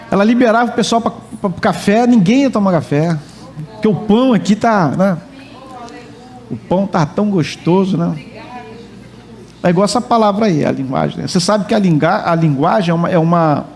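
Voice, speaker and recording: A man's voice: fairly high pitch, darkish tone, a little hiss or hum. A man preaching a sermon as pastor in a church, joking and chatting with the congregation. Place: church hall.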